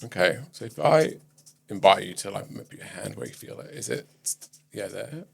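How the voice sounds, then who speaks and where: Gravelly male therapist. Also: lowish voice, normal speed. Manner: calm, gentle, inviting questions. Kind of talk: gentle guided therapy session.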